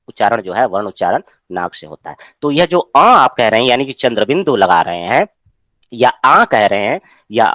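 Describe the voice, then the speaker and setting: A man's voice: mid-range voice, a bit bright, dry recording. A man teaching a Sanskrit class online, explaining patiently and often checking with his students.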